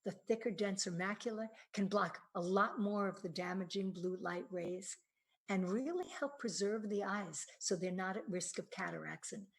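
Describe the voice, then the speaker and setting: A woman's voice: mid-range voice, normal speed, gravelly, poor audio. A woman giving a presentation on eye-health supplements, explaining earnestly with frequent fillers and restarts.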